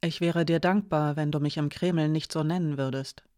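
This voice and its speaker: A cool, wry young thief who speaks in few, measured words and keeps her distance, voiced by an audiobook reader. The sound is dry and close. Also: mid-range voice, steady tone, darkish tone, dry recording, natural voice.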